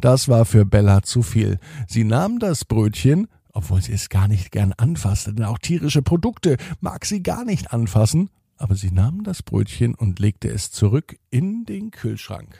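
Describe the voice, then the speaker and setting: Gravelly, dark-voiced male storyteller. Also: mid-range voice, no room sound, studio quality. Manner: slow, gentle, expressive read-aloud. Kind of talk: children's story narration.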